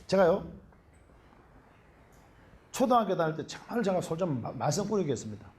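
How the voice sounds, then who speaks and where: A middle-aged Korean pastor, preaching a sermon in an animated way and often calling out hallelujah. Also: male voice, high-pitched, a little fast.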